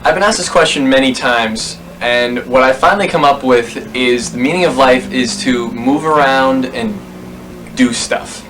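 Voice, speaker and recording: A man's voice: medium pitch, a bit bright, slight background noise, poor audio. A man telling a personal anecdote to a documentary camera, rambling and correcting himself as he goes. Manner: rambling, self-correcting storyteller. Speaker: interviewee.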